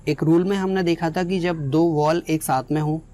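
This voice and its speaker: A woman's voice: deep voice, fairly even intonation, moderate pace, dark tone. A woman teaching English pronunciation, explaining step by step and mixing in English phrases. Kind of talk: spoken lesson with examples.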